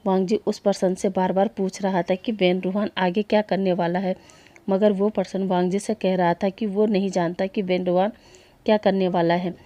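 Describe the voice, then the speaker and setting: A woman narrating a fan fiction story in a steady, plain retelling manner. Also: mid-range voice, moderate pace, no room sound.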